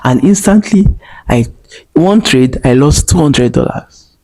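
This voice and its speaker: A man's voice: fairly high pitch, lively intonation, measured pace, darkish tone. Earnest man telling his story. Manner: earnest and emotional, repeats phrases, talks to viewers directly. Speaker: vlogger. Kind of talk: personal storytelling vlog.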